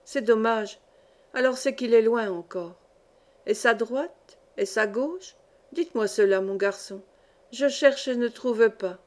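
A woman's voice: fairly high pitch, lightly acted. A woman voicing a grief-mad young widow. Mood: pleading, confused. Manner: rapid, feverish, crying out curses. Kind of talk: audiobook reading.

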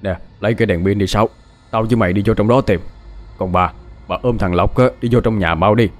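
A man's voice: fairly low pitch, quick pace, soft background music, lightly acted. A man voicing a startled old grandfather who gives urgent orders and stumbles over hesitant fillers.

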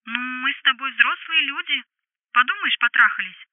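A woman's voice: sits high, moderate pace, no room sound, pitched above the performer's own voice. A woman voicing a brash, blunt grown woman talking over the phone in an audiobook, with a telephone filter on her voice. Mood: scolding. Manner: blunt, scolding. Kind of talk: audiobook dialogue. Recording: tinny phone line.

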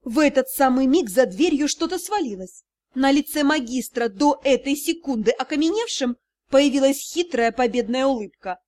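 A woman narrating a first-person fantasy novel in an expressive storytelling manner. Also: sits high, moderate pace. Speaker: audiobook narrator.

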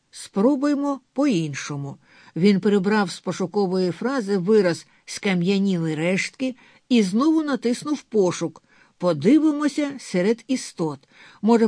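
A man's voice: sits high, a little mellow, no echo, clean studio sound. A man narrating an audiobook of a novel and reading the characters' lines himself.

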